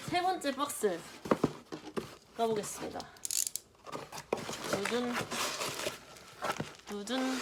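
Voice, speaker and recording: A young woman vlogger narrating an unboxing in a chatty, playful way, muttering softly to herself while she handles things. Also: on the high side. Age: young adult. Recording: loud background noise.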